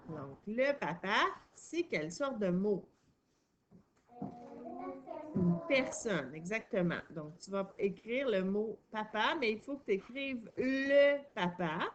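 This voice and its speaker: Slow, patient Quebec French teacher woman. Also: medium pitch, expressive, lo-fi sound, slight background noise. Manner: patient, step-by-step explaining. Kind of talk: reading and writing lesson for a young child.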